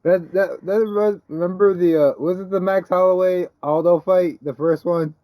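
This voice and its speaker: A man's voice: high voice, fairly even intonation, normal speed, warm tone, dry recording. A man co-hosting a podcast in rambling, wry casual chat full of fillers. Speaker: podcast co-host.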